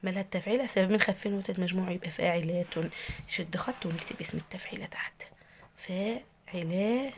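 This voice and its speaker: A woman's voice: fairly low pitch, fairly even intonation, racing, slight background noise. A woman teacher with an Egyptian accent, walking through a recorded lesson and answering her own questions as she drills syllables one by one. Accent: Egyptian Arabic.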